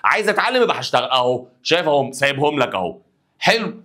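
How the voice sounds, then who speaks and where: A man's voice: on the high side, sing-song, rapid-fire, pushed and bright. A man with an Egyptian Arabic accent teaching an online language lesson, drilling letters and asking students to repeat after him.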